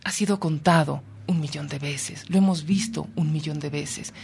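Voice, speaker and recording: A woman television reporter in an interview, telling stories with animated emotion and frequent laughter. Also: sits low, moderate pace, creaky, breathy edge. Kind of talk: interview conversation.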